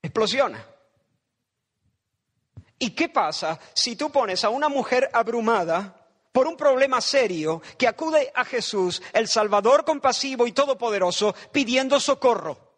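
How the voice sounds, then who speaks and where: A man's voice: very high voice, animated, a little slow, a bit bright. A man from preaching a sermon, dramatic and emphatic, repeating phrases and acting out voices from the story.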